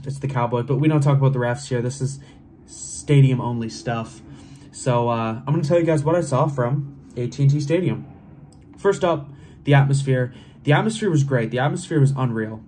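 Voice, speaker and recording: A man's voice: mid-range voice, moderate pace, dark tone, a little hiss or hum. A young man in his twenties recapping a game for his travel vlog, talking chattily to his phone camera in a hotel room. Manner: chatty and upbeat, speaking straight to camera. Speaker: vlogger. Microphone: phone camera at arm's length.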